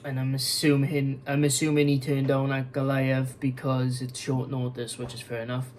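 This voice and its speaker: A young MMA YouTuber with a medium-pitched, darkish voice gives casual news commentary in a vlog. Tired and yawning, he rambles with many fillers, restarts and frequent swearing, on a rough recording with slight background noise.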